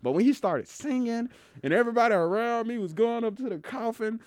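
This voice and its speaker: A man's voice: extremely high pitch, fairly quick, no room sound, clean studio sound. A young man with a Mississippi accent chatting casually in a slangy, emphatic storytelling way. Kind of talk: casual, animated banter.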